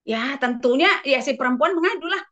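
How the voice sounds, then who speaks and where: High-voiced woman preaching a lively sermon. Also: a little fast. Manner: animated storytelling, exclaiming. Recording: dull lo-fi recording.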